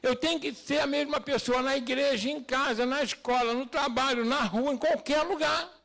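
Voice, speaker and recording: Male preacher, very high and raspy-edged, emphatic sermon delivery. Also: steady tone, normal speed, fairly bright tone. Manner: preaching with rhetorical questions to the congregation; rising to emphatic, raised delivery. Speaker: pastor.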